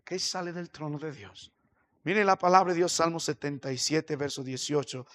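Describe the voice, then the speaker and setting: A man with a Peruvian Spanish accent preaching a sermon as pastor, rising into loud, impassioned reading. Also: on the high side, fairly even intonation, moderate pace, long reverb tail. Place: church.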